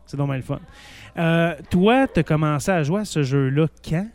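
A man's voice: on the high side, normal speed, a little mellow. A man with a Québécois French accent doing a casual, encouraging interview, asking questions and echoing answers back.

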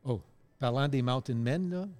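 A man, telling stories in a loose, animated way on a radio chat show, full of fillers and restarts. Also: mid-range voice, moderate pace.

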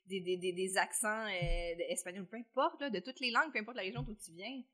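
A woman's voice: mid-range voice, brisk, a bit bright. A woman with a Quebec French accent telling stories in casual chat.

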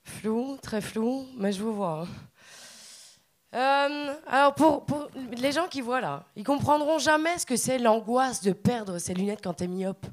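A woman from Belgium with a Belgian French accent, performing a stand-up set on stage with deadpan, punchy asides. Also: a little high, a little slow. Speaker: stand-up comedian.

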